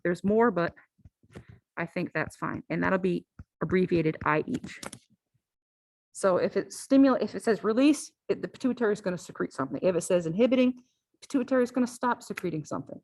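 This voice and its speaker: A woman gives a physiology lecture to a class in a relaxed, conversational way, often pausing to ask "all right?". Her voice sits at a middle pitch, and the recording is dry and close with no room echo. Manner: conversational and repetitive, with frequent "all right?" check-ins.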